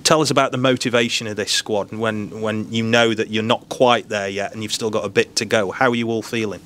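Fast-talking male club interviewer. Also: lowish voice, fairly even intonation, fairly bright tone, slight background noise. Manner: long leading questions. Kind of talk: post-match interview questions.

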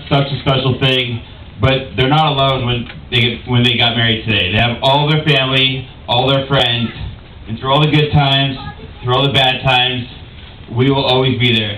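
A man's voice: medium pitch, steady tone, normal speed, sharp tone. A young man telling a joking story as a wedding toast, speaking into a handheld mic through speakers in a large party tent. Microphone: handheld mic through speakers, far camera. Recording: echoey, distant, noisy camcorder audio.

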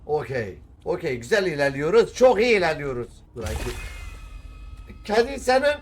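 Bu adamın sesi oldukça tiz, perde iniş çıkışları belirgin ve normal hızda konuşuyor. Bir oyunu oynarken bulmacaları kendi kendine konuşarak çözüyor ve zaman zaman heyecanla bağırarak oyun yorumu yapıyor.

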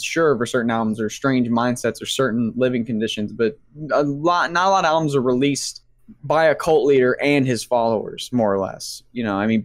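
A man co-hosting a music review podcast, talking in a loose, rambling way that wanders as he goes. His voice sits at an ordinary middle pitch. The sound is close and dry, with no room to it. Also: dry recording. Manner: rambling, cursing, laughs mid-sentence. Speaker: podcast co-host. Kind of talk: casual album review chat.

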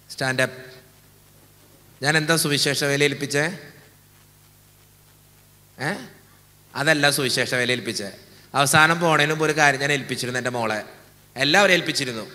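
Man, Keralan priest, jovial sermon, fairly high bright voice, teasing the congregation, echoing church hall. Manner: leads call-and-response. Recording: echoey hall.

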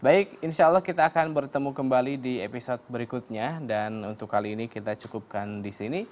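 A man's voice: mid-range voice, a little fast, a little hiss or hum. A man hosting a televised competition, closing the episode courteously and formally with a prayer. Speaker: host.

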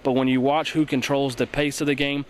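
A young man runs through post-game analysis at a rapid clip, earnest and full of restarts. He speaks into a handheld mic in an empty arena. Faint ambience hums behind him. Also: medium pitch, little pitch movement, a little hiss or hum. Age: young adult. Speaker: sports broadcaster co-host. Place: empty indoor basketball arena. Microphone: handheld mic held by co-host.

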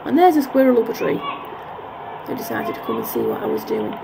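A vlogger narrates a park walk in a casual, musing way, correcting herself as she goes. Her low voice swings hugely in pitch and runs a little fast, captured on a handheld camera's built-in mic with clear park ambience around her.

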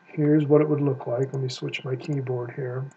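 A man's voice: medium pitch, little pitch movement, moderate pace, warm tone, husky. A man teaching Hebrew Bible study in a methodical, explanatory way while pointing through material on his screen. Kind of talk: screen-share lecture. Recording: dull lo-fi sound with faint hum.

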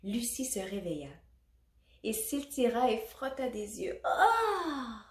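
Slow, expressive woman reading a storybook. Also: fairly high pitch. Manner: slow, expressive, with asides to children. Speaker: storybook reader. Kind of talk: reading a children's picture book aloud. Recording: roomy echo.

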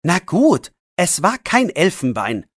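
Defensive young teen boy narrator-voiced, slow delivery, dry. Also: mid-range voice, very animated, breathy edge, no room sound, full character voice. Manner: defensive, pleading. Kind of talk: audiobook role voice.

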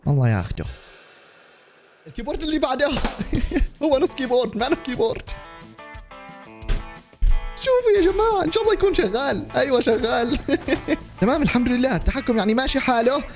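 Guy yelling over his game, super quick and bouncy, music going behind. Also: very high-pitched. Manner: animated, laughing, shouting at the game. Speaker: gaming YouTuber. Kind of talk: excited gameplay commentary.

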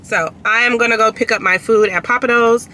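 A woman's voice: on the high side, fairly even intonation, a little fast, sharp tone, a little hiss or hum. A woman in her thirties chatting casually to her viewers while driving, talking through her errands and day. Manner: chatty, talks to viewers as "y'all". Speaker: vlogger. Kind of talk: casual vlog chat. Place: in a car.

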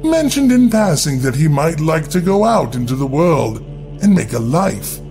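Over a music bed, a male horror storyteller performs dramatic scripted narration. His higher-pitched voice is deliberate and theatrical, with very animated intonation.

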